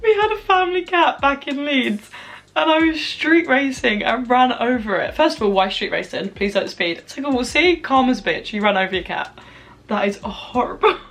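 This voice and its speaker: A young British woman casually hosting a reaction vlog, gleefully reading and gossiping about confessions in a chatty, expressive, giggly way. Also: high-pitched, moderate pace. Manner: chatty, expressive, mildly swearing. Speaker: video host.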